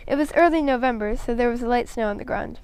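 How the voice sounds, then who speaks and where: A woman reads a first-person children's story aloud, plain and unhurried, stumbling now and then on a word. Her voice sits slightly high and sounds very smooth and clean. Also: a little mellow. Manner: plain storytelling, occasional slips and restarts.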